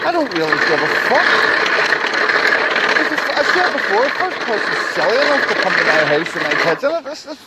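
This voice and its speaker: Man, 30s, page admin, heated profane rant, very animated pitch, outdoors with loud background noise. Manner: profane, heated and rambling, with repeated asides and restarts. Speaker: page admin addressing followers. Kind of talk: angry livestream rant.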